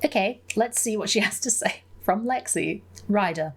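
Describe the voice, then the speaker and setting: A young woman giving chatty game commentary and reading in-game messages aloud, laughing often. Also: medium pitch. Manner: chatty and giggly, reads messages in a flat quick voice. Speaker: gameplay commentator.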